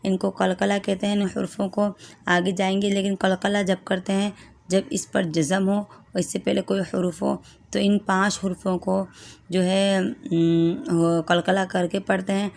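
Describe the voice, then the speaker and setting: A woman's voice: medium pitch, little pitch movement, vocal fry, a little mellow. A woman teaching a step-by-step Quran reading lesson, patiently sounding out letters one by one and often checking in with her students.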